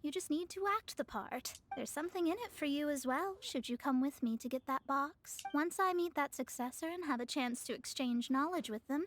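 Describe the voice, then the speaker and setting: A woman's voice: sits high, moderate pace, few pauses, natural voice. Mona, a woman voicing a proud astrologer. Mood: haughty. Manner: formal, self-assured, slightly lofty. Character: proud young female astrologer, haughty and formal. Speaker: game character. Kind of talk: dubbed game dialogue. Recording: faint game music behind.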